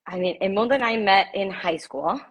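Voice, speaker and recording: A chatty woman in her forties from Miami tells her story in a relaxed conversational way. She talks openly, laughs often and admits she gets emotional easily. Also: mid-range voice, a little fast, husky, low-quality recording. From Miami, United States. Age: 40s. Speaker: guest. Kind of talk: casual chat. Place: living in Ecuador.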